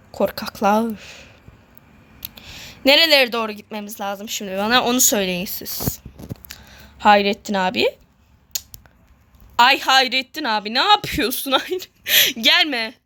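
A woman gamer vlogger, her voice slightly high and a bit bright, keeps up casual let's-play chatter as she games. Rambling and self-mocking, she jokes around and keeps repeating the same words.

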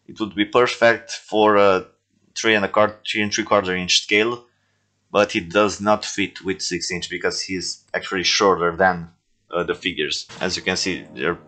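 A man's voice: sits low, a bit bright. A man who makes stop-motion toy movies, commenting casually on his own old work in a rambling, self-deprecating, joking way.

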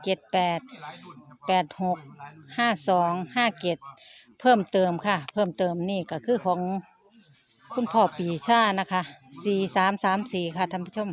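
A woman's voice: medium pitch, measured pace. A woman vlog host with an Isan accent, chatting to her viewers in a casual, upbeat way. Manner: chatty, calls to viewers, agreeable interjections. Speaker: channel host.

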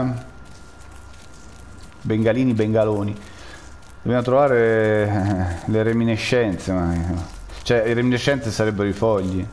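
A man's voice: lowish voice, darkish tone, a little hiss or hum. A man giving jittery, jokey live commentary while playing a game and talking to his chat. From Rome, Italy. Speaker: gaming streamer.

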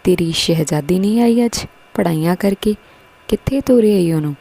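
A woman's voice: lowish voice, brisk, gravelly, warm tone, breathy edge, rough recording. A woman voicing a harsh, insulting village husband in a spoken story. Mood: scornful. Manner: sneering, insulting.

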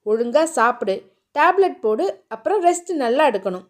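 A woman voicing a gruff but caring young husband in a storybook reading, speaking in clipped, lowered commands. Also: big pitch swings, brisk. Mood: tender.

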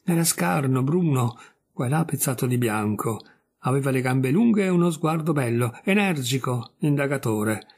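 A man reading a literary story aloud in a measured, serious narration. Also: mid-range voice, expressive, darkish tone, breathy edge. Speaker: audiobook reader.

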